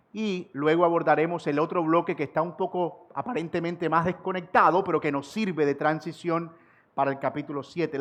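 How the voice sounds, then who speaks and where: Spanish-speaking male pastor preaching a sermon. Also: a bit bright. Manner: rises in pitch and force on rhetorical questions; repeats key sentences slowly for emphasis. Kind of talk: expository sermon.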